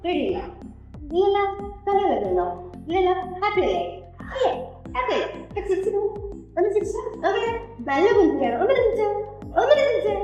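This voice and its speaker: A woman's voice: very high-pitched, very animated, brisk, pauses often, a little mellow, muffled recording. A woman teaching abacus to a group of children in a classroom, coaxing them with sing-song questions. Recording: very echoey room with faint music.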